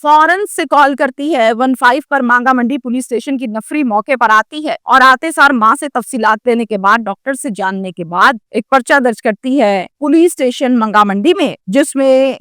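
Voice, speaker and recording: A woman's voice: high-pitched, hardly any pauses, a bit bright, no room sound, clean studio sound. A woman vlogger narrating a true crime story in an earnest, dramatic storytelling manner and voicing the people in it. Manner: earnest, acts out quotes.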